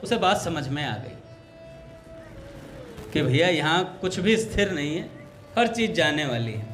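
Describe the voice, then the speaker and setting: A man giving a devotional talk, telling anecdotes and acting out the dialogue in a relaxed conversational way. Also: a little high, unhurried, soft background music. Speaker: satsang speaker.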